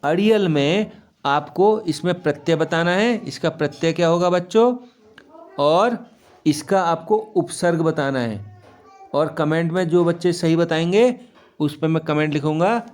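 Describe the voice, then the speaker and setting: A man's voice: fairly high pitch, measured pace, a little mellow. A man teaching children a grammar lesson, asking questions and answering them himself, repeating key words and checking if they follow.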